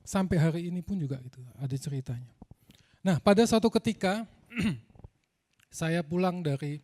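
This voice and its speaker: Preacher with a lilt. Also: male voice, high-pitched, normal speed, mellow. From Indonesia. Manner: conversational, addresses the congregation, frequent filler "gitu". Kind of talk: storytelling sermon.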